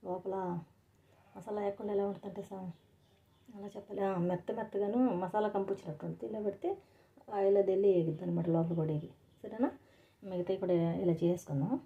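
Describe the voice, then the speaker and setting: A woman's voice: mid-range voice, steady tone, quick pace, long pauses, phone-quality sound. A woman chatting through a cooking demonstration in her home kitchen, explaining each step to viewers. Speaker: cooking vlogger. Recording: frying sizzle behind the voice. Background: frying and stirring sounds.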